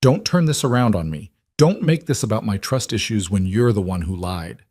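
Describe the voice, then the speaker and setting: A man voicing a betrayed single father in a quarrel, hollow and bitter, his voice turning sharp and accusing. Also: on the low side, animated, normal speed, dry recording. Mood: cold.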